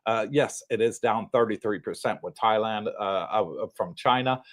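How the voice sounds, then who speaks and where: Man, around 60, low voice, casual livestream chat, rambling, chuckling. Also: moderate pace. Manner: relaxed, rambling, with frequent chuckles. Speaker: livestream co-host.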